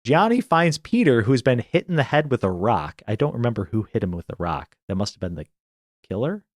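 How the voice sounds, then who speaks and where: A man's voice: mid-range voice, sing-song, brisk, no room sound, clean studio sound. A man co-hosting a podcast, recapping a film in casual chat and laughing often as he tells the story. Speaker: podcast co-host.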